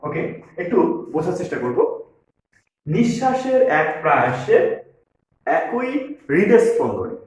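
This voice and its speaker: A man teaching a grammar lesson to students, repeating key phrases slowly as he writes them out. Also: a little high, big pitch swings. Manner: repeats key phrases while writing on board. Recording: very echoey room.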